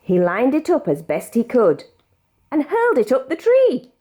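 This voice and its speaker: A woman with a British accent reading a children's picture book aloud in an expressive, measured storytelling manner. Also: sits high. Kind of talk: read-aloud storybook narration.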